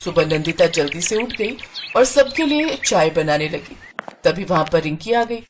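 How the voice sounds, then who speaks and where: A woman narrating a cartoon story in an even, scripted storytelling way. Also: lowish voice, moderate pace, background noise.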